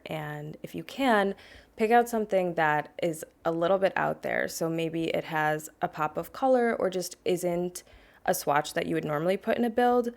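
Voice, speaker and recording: A woman host speaking quietly with vocal fry, giving relaxed, chatty voice-over commentary on a game build. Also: low-pitched. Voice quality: soft-spoken with vocal fry. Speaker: Sims building channel host.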